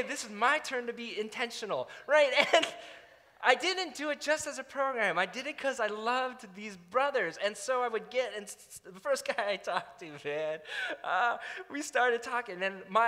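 A man giving a storytelling sermon, animated and self-mocking, acting out his own quotes with energy. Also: sits high, big-room sound.

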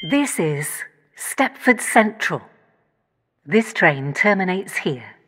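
A woman's recorded train announcements, with words spliced together from separate recordings so the pitch and pace jump between phrases. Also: very animated, slow, fairly bright tone, slightly rough. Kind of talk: automated onboard announcements.

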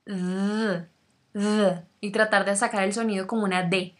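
A woman and native Spanish speaker teaching English pronunciation, speaking slowly and demonstrating each sound over and over. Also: medium pitch, fairly even intonation. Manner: slow, demonstrative, repeats sounds. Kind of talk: pronunciation lesson.

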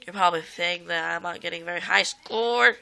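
A sick young girl, a child or young teen, chats casually as she plays a game in a room at home by her computer, filmed on a phone aimed at the screen. She rambles with lots of "um" and "like" and exclaims at the game. Her lowish voice is brisk, gravelly, pushed and bright, a bit rough from illness.

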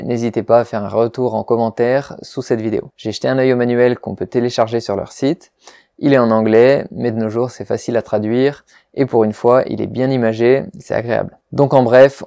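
A man's voice: medium pitch, dark tone, dry recording, clean studio sound. A man hosting a welding channel, giving a plain, frank and methodical product review narration.

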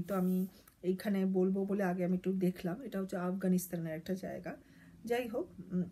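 A woman's voice: mid-range voice, a little mellow, slightly rough. A woman vlogger reading a poem aloud and explaining it casually, with many hesitations and self-corrections.

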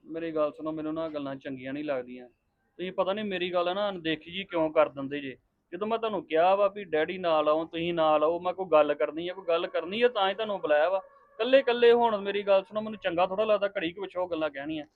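A man's voice: high voice, fast, natural voice. A man acting a husband in a family drama, sternly lecturing his mother-in-law. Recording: tinny phone-like sound.

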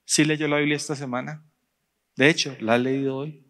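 Guy preaching, higher pitched, talks straight at the church folks, slows way down to hit the point. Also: steady tone, a bit bright. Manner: direct, addresses the congregation, rising emphasis and slow stressed phrases. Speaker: pastor. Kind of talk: sermon.

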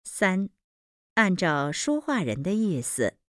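Female narrator for textbook exercise prompts: very low voice, unhurried delivery, dry studio sound. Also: big pitch swings, dry recording. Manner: slow, deliberate reading. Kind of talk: reading exercise instructions.

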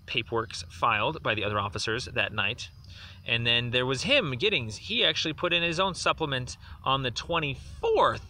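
A man with a mid-range, sharp-toned voice leaves a long phone voicemail complaint, insistent and aggrieved, repeating himself as he builds his case. His voice sounds distant, with faint noise on the line.

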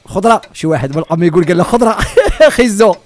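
Rapid-fire joking Moroccan radio host man. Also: high voice, expressive, a little mellow, faint music behind. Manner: joking, teasing, repeats words rapidly. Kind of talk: lively call-in radio chat. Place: radio studio.

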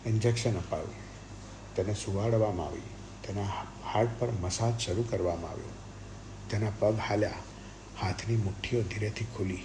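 A man reading a novel aloud as an audiobook narrator, in steady, measured storytelling. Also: fairly low pitch, background noise.

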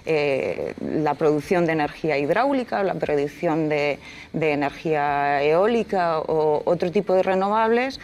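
On a TV studio set, an environmental activist from Castilla-La Mancha, Spain, a woman in her forties, sits in a leather armchair and explains things earnestly with frequent fillers. Her voice is low and darkish, her pace measured, and faint background noise is audible.

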